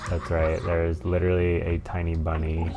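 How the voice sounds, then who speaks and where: A man commentates a game stream casually, cracking jokes at the characters. His voice is very low and gravelly. Game music plays behind him. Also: completely flat delivery, normal speed. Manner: jokey, reacts aloud to the game characters.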